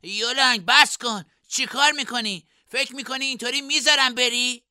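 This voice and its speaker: A man voicing a hot-tempered young male student who shouts in outrage. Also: very high voice, fairly even intonation, clear, resonant tone, no echo, clean studio sound, pitched above the performer's own voice, exaggerated voice. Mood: furious.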